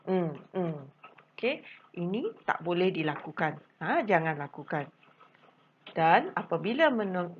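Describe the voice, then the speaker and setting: A woman teacher speaking Malaysian Malay gives a patient recorded lesson to special education students, repeating her points and using frequent fillers. Her voice sits on the low side with a breathy edge, and the audio is dull.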